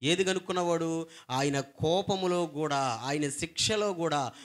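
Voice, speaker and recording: A man preaching a sermon to a congregation. He asks rhetorical questions, tells stories, and urges his listeners to call back loudly. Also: on the high side, unhurried. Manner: call-and-response, urging the congregation to shout back. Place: church hall before a congregation.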